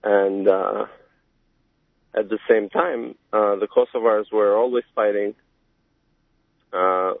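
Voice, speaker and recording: A man from Albania calling into a radio show, speaking haltingly with many fillers. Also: on the low side, steady tone, vocal fry, dry recording. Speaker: caller. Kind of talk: call-in radio talk. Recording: tinny phone line on the radio.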